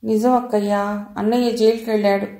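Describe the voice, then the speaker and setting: A woman voicing a distraught younger brother who speaks in halting, sobbing pleas in an audio novel. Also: medium pitch, little pitch movement, dark tone, echoey room, close to an everyday voice. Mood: alarmed.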